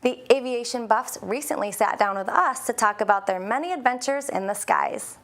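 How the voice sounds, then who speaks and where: A woman's voice: on the high side, normal speed, fairly bright tone. A woman presenter reading a scripted introduction. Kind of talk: scripted narration.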